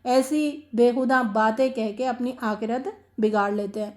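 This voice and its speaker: Woman quran teacher, high voice, earnest lecture, keeps repeating stuff, drops in english words. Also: steady tone, darkish tone. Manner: earnest, questioning, repeats phrases for emphasis; mixes English words into speech. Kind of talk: religious lecture.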